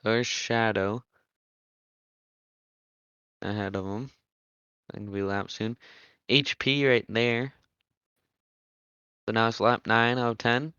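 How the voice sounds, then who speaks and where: A young man calls an online motocross race in a relaxed, chatty way, thinking aloud and laughing now and then. His voice sits a little low and sounds smooth and clear. The recording is dry and a bit dull, like a lo-fi close mic. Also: slow pace, long pauses, dry recording. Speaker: race commentator and server admin. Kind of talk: casual live race commentary.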